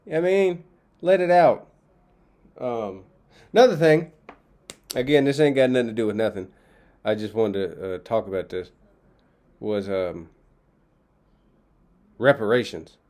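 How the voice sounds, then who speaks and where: Talking into his laptop mic in the kitchen at home, this man vlogs to his viewers in a loose, casual chat. He has a mid-range, darkish voice, and his manner is relaxed and slangy, wandering along with plenty of filler words.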